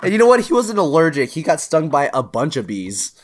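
A man co-hosting a casual movie podcast, joking around and swinging between loud bursts and mumbled asides. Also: on the high side, wildly swooping pitch, brisk. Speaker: podcast co-host. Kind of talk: casual chat. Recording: faint background noise.

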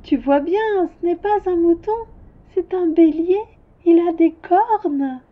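A woman's voice: very high voice, slow, phone-quality sound, voice pushed up. A woman voicing a curious, stubborn little boy prince in a storybook reading, with a childlike, insistent way of asking.

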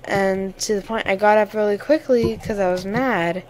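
A woman's voice: mid-range voice, moderate pace, a little hiss or hum. A young woman giving casual, chatty commentary over a game, sniffling now and then and easily flustered. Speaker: gamer.

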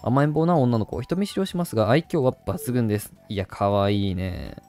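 A man's voice: medium pitch, normal speed, mellow, faint music behind. A man hosting a gaming channel, chatting casually and doting on a virtual puppy while reading the game text aloud.

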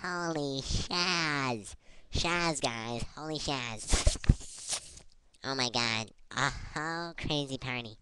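A man talking excitedly to camera in a casual vlog, his voice made squeaky by inhaled helium. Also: takes it slowly, noisy background. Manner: excited, exclaiming. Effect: voice raised by inhaled helium.

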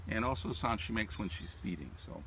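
Man, 60s, creaky and bright-edged, informal instructor demonstrating outdoors, halting delivery, mic at a distance. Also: on the low side, lively intonation, slight background noise. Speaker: turkey hunting instructor. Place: outdoors in leafy woodland. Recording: distant mic outdoors, natural background sounds.

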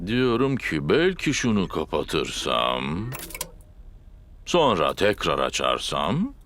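A man's voice: sits low, huge pitch swings, slow pace, heavily acted. A man voicing a jolly, overconfident father pig in a children's cartoon, pompous but good-natured. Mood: hesitant. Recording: music behind the voice.

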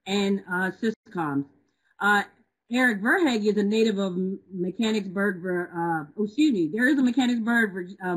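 A woman's voice: mid-range voice, slightly rough, low-quality recording. A woman moderating an online event, reading out speaker introductions with frequent hesitations. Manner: reads bios with frequent hesitations.

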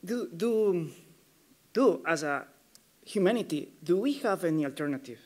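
Halting male interviewer. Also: high voice, animated, a little mellow. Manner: halting, repeats words when starting. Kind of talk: asking questions.

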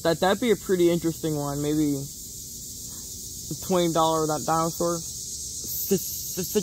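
Higher-voiced man casually reviewing a toy. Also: slight background noise. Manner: rambling, stops and restarts often; plain-spoken, drops a curse casually.

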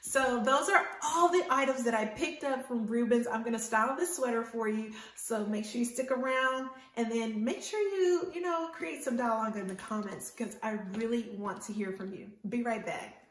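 A woman's voice: on the high side, moderate pace, few pauses, roomy sound. A woman in her fifties chatting eagerly to viewers about her vintage finds, filmed at home. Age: 50s. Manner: enthusiastic, chatty, talks straight to viewers. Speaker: fashion vlogger. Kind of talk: casual haul and try-on chat. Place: home bedroom.

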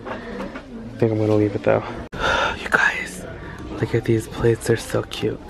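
Whispering in a gravelly, fairly low voice at a measured pace, this man narrates a casual thrift-store vlog, filmed handheld in an aisle. He's excitable, raving about what he finds and muttering to himself along the way.

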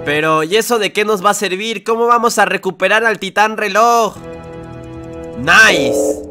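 Young man, high lively voice, excited reaction commentary, loud music behind. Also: a little slow. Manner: animated, shouts and exclaims, playful slang. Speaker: reaction video host.

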